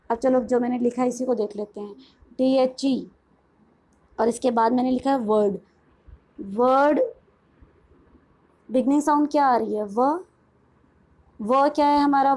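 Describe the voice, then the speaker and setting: A woman with a high voice and dark tone teaches an English pronunciation lesson, mixing Hindi and English, on a low-quality recording. She asks her students questions and answers them herself, slowing right down to drawl English phrases word by word.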